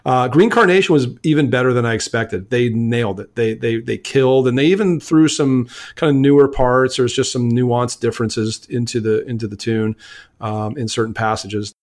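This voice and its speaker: A man's voice: mid-range voice, normal speed, darkish tone. Enthusiastic man chatting about music. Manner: enthusiastic, stammers and restarts often. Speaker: podcast co-host. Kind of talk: casual music podcast chat.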